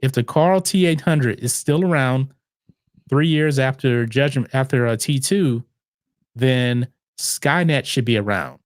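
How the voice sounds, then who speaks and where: Animated man ranting about movies. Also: mid-range voice, unhurried, no room sound, clean studio sound. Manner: animated, incredulous, restarts words often. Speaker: podcast host. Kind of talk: casual movie podcast chat.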